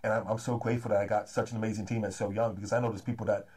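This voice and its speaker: A man in his thirties from the Los Angeles area, a comedy and hip-hop promoter, chats eagerly as a guest in a casual interview. He talks fast and energetically in a lowish, husky voice, often tacking "man" onto his sentences.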